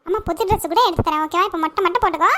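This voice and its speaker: A woman's voice: very high voice, rapid-fire, fairly bright tone, slight background noise. A woman voicing a cartoon mother who coaxes and scolds her children. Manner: coaxing, scolding. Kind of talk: cartoon voice acting.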